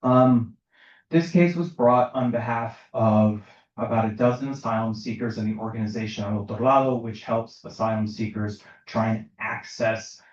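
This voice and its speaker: Low-voiced lawyer man, distant and echoey. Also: fairly even intonation, moderate pace. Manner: articulate, formal and precise. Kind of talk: panel explanation. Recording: echoey, distant, dull sound.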